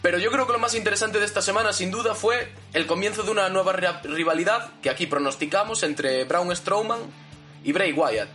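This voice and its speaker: A man's voice: high voice, a little fast, bright, forceful tone. A man hosting a podcast in the manner of a wrestling commentator, talking conversationally over music. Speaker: podcast host. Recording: music bed behind the voice. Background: guitar music.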